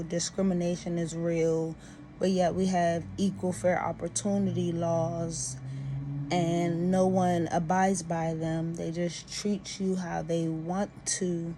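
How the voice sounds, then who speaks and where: A woman's voice: on the low side, dark tone, slight background noise. A woman venting about personal grievances to camera in an emphatic, aggrieved way.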